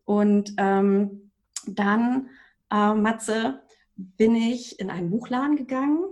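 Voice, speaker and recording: A woman in her forties, working as a coach, tells her own story with lively emphasis. She talks as a guest in a podcast interview and leans into each point. Her pitch sits in an ordinary middle range. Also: slow. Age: 40s.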